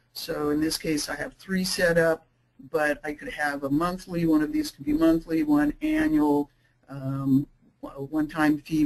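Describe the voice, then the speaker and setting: A woman's voice: low voice, darkish tone, poor audio. Woman, webinar presenter, casual explanation, fillers and restarts, screen-share demo. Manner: casual and explanatory, with frequent fillers and self-corrections; says she is talking too fast.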